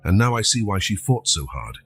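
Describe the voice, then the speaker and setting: A grieving wealthy man speaks in a hushed, unsteady voice, as a man reads his part. The voice is low and husky. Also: very animated, a little fast, faint music behind, exaggerated voice. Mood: moved.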